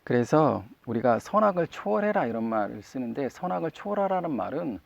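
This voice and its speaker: Guy preaching a sermon, gravelly voice, dry muffled sound, chatty, asks the crowd stuff. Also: mid-range voice, lively intonation, fairly quick, a little mellow, no echo. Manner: conversational, asks the congregation questions. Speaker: Won Buddhist minister.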